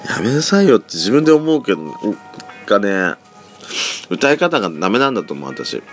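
Sleepy, raspy low-voiced man chatting. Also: sing-song, brisk. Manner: chatty, drifting, uses soft feminine speech endings. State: sleepy just-woken voice. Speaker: solo podcast host. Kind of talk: casual rambling solo talk. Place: room at home. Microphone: phone app mic set back from the mouth. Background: faint background music.

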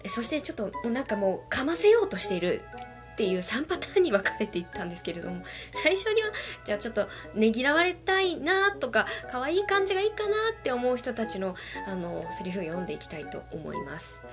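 A woman's voice: on the high side, very animated, fast. A woman hosting a casual podcast, reading out listener requests in a playful, self-conscious way and laughing often. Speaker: podcast host. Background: faint background music.

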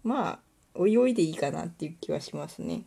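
A woman's voice: deep voice, expressive, fast, vocal fry, warm tone, husky. A young woman from Kuwana with a light Kuwana dialect, chatting casually and rambling with many fillers on her solo talk show. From Kuwana, Mie, Japan. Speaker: podcast host.

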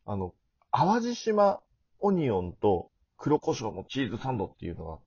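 Gravelly middle-aged man, lively intonation. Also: medium pitch, moderate pace, no room sound. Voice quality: gravelly, rough voice. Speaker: podcast guest. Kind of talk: casual chat. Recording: dull, muffled lo-fi audio.

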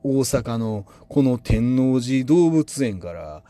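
A man voicing scheming zoo animals who make gruff, low threats of revenge in Kansai dialect. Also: expressive, slow, warm tone, dry recording. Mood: menacing.

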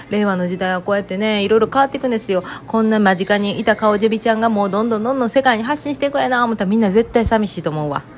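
A fairly low-voiced woman with a Kansai accent talks casually to her audience. She rambles and jokes, often trailing off into fillers, over a faint hiss of noise. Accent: Kansai Japanese. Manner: chatty, rambling, joking, many fillers. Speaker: vlogger. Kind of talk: casual chat to camera.

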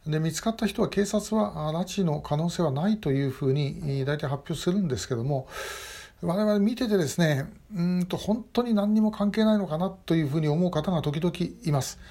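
Middle-aged man, mellow tone, unhurried commentary full of "um"s. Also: on the high side. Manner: measured, with frequent hesitation fillers. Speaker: host of a short message broadcast. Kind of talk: casual spoken commentary. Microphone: phone or webcam video selfie.

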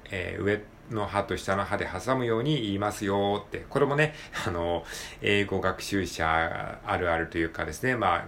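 A man with a fairly low voice hosts a solo podcast in a casual, chatty tone. He speaks politely and easily, often pausing on long "eh" fillers as he goes. A faint hiss of noise sits under his voice. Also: gravelly. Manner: polite, relaxed, frequent "eh" fillers. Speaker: podcast host.

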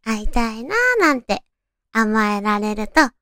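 A woman's voice: fairly high pitch, sing-song, normal speed, bright, forceful tone, dry recording, clean studio sound. A woman chatting casually and girlishly as a solo host, reading out romantic material and adding her own reactions. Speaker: solo host of an audio talk show.

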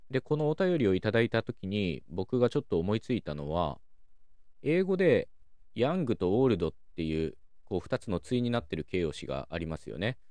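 A man hosting a calm solo talk show, explaining things in a measured way with many soft fillers. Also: lowish voice, no room sound. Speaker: podcast host.

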